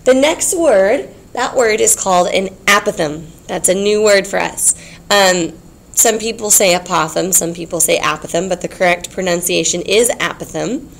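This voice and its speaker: A woman's voice: mid-range voice, normal speed, gravelly. A woman teaching a geometry class, explaining patiently, repeating key points and checking in with her students. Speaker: math teacher.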